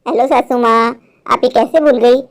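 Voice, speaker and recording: A woman's voice: on the high side, fairly even intonation, moderate pace, lightly acted. Woman voicing a scheming taunting young bride. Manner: taunting, mock-sweet. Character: scheming modern young bride, cunning and defiant. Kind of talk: animated Hindi cartoon voice acting.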